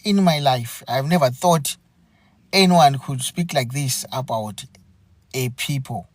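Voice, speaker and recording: A man hosting a live stream, speaking in an earnest, halting way and often repeating himself. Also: mid-range voice, dry recording. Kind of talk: unscripted live commentary.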